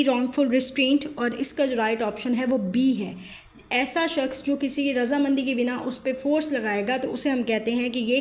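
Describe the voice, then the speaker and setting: A woman teaches law exam revision, going through multiple-choice questions one by one and slowing down to read the English legal wording aloud. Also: high voice, a little mellow.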